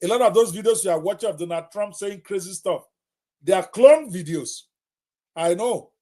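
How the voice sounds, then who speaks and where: A man's voice: high voice, expressive, moderate pace, dark tone. A middle-aged Nigerian man hosting a live talk, speaking emphatically and addressing viewers directly, often repeating himself. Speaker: host.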